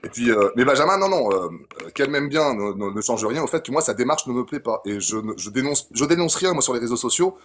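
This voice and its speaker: A man's voice: medium pitch, animated, fast talker, fairly bright tone. A man in a casual online debate, talking argumentatively and restating his points with emphasis and repeated words.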